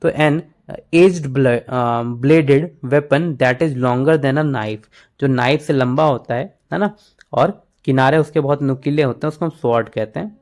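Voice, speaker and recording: Guy teaching vocab in hindi, mid pitch, keeps saying ok to check ur following. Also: slow pace, a little mellow. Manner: explains words in Hindi mixed with English, memory tricks, frequent "ठीक है". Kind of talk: exam-prep vocabulary lesson.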